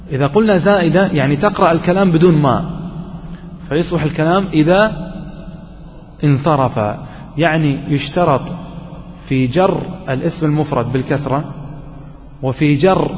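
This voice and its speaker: A man teaching a grammar lesson, explaining slowly and putting questions to the class that he then answers himself. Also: on the high side, a little mellow. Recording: dull recording with long hall reverb.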